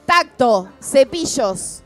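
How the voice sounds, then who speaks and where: A high-pitched woman with an Argentine accent reads out messages and steers the talk as a radio co-host. Her delivery is wry and brisk, with soft music playing faintly behind her. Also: animated. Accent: Argentine Spanish. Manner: wry, moves the segment along. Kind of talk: reading listener messages on live radio.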